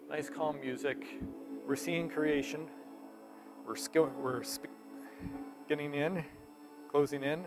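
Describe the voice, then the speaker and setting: A man's voice: on the high side, steady tone, slow pace, long pauses, over music. Man teaching a group informally. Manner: rhetorical questions, emphatic stresses, trailing quieter at phrase ends.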